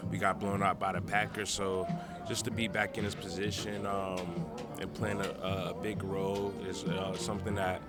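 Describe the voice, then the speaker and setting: A man's voice: sits low, level tone, normal speed. A young man, a football player, answering casually in a locker room interview. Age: young adult. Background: loud music.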